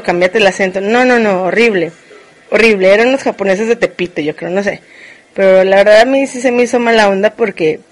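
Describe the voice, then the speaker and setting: A woman from Mexico with a Mexican accent, talking in a blunt, slangy casual rant full of fillers and swearing. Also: mid-range voice. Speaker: vlogger. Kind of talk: casual ranting monologue.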